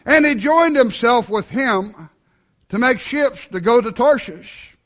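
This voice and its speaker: Preacher, male, high voice, fervent and halting, breaks into shouts. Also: expressive. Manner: preaching with frequent "uh" and "amen", rising to shouts. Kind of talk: fiery sermon.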